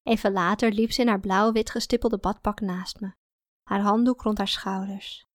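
A woman's voice: medium pitch, fairly even intonation, normal speed, no echo, studio quality. A woman reading a first-person story aloud in a confiding, introspective manner. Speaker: audiobook narrator. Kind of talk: first-person scripted narration.

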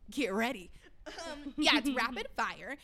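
A woman's voice: high-pitched, lively intonation, unhurried, crowd noise. A young woman hosting a podcast in casual chat, slangy, playful and exuberant. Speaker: podcast host.

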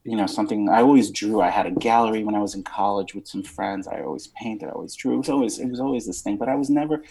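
A husky-voiced man in his thirties, from Romania, speaks as an interview guest. He rambles and searches for words, full of fillers and restarts, now and then dropping a swear word. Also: on the low side, quick pace, warm tone, low-quality recording. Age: 30s. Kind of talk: casual interview conversation.

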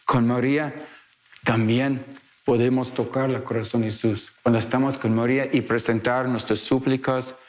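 A man preaching as a priest, speaking learned Spanish with broken grammar. He talks slowly and earnestly. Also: mid-range voice, level tone, a little mellow. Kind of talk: sermon.

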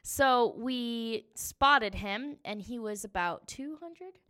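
A woman's voice: fairly high pitch, slow. A young woman telling a story of her hunt in a casual, chatty way, with many fillers. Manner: chatty, animated, lots of "um"s.

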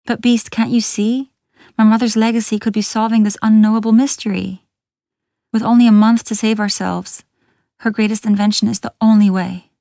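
A woman's voice: mid-range voice, fairly even intonation, moderate pace, vocal fry, mellow, no echo, studio quality, lightly acted. A woman voicing a young girl inventor in a storybook, speaking earnestly and pleadingly in a slightly raised voice. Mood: earnest urging.

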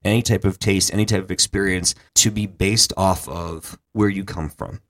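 A man's voice: deep voice, steady tone, moderate pace. A man co-hosting a podcast in casual chat, joking and swearing, often stumbling over repeated words as he starts a thought. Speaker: podcast co-host.

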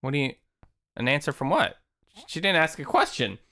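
A man's voice: a little high, huge pitch swings, moderate pace, bright, forceful tone. A man playing a tabletop game, casually talking through what his character does.

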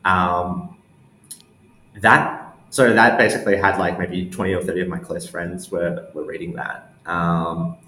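This interview guest, a newsletter founder, has a low, sharp-toned voice with fairly even intonation and an unhurried pace. He answers casually but hesitantly, wandering off track and leaning heavily on "like," in a roomy, echoey space with faint noise behind him.

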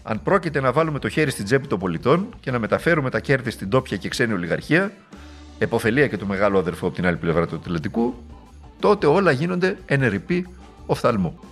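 A man giving a political speech in a sarcastic, rhetorical, mocking manner. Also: fairly low pitch.

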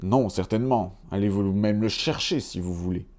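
A man's voice: on the low side, moderate pace, darkish tone, lightly acted. A man voicing a rude, cowardly spoiled girl in a fairy tale, curt and scornful.

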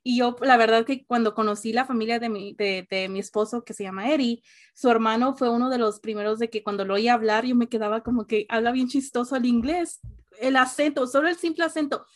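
High-voiced bilingual woman hosting a chat. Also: steady tone, a little fast. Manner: chatty, mixes in English words, laughs easily. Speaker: podcast host. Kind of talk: casual conversational interview.

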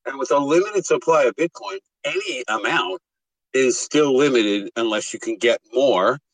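Guy calling in sounding thin and tinny like he's in a tin can, no bass, talks it through step by step, dry sound. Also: lively intonation, dry recording. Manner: measured, deliberate, argues point by point. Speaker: caller in a group audio chat. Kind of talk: casual opinion in a live discussion.

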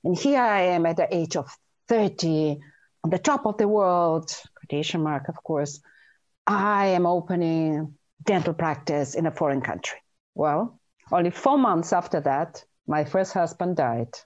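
A woman's voice: fairly low pitch, animated, measured pace, muffled recording. A middle-aged woman from Bulgaria, speaking earnestly and emphatically as an interview guest. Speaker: guest, dentist and author. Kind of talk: interview storytelling.

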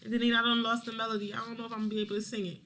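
A man's voice: very high-pitched, completely flat delivery, racing, bright, forceful tone. A man co-hosting a casual podcast chat about songwriting, rambling and encouraging, with frequent restarts. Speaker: podcast co-host.

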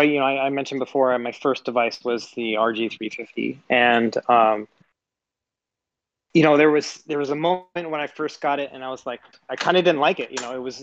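A man chatting as a podcast guest over a cell phone on Bluetooth that keeps cutting out. He talks in an easygoing, rambling way, with restarts and apologies. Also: medium pitch. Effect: Bluetooth phone line cutting out. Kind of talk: casual chat. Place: outdoors at home. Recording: muffled lo-fi phone line, dry.

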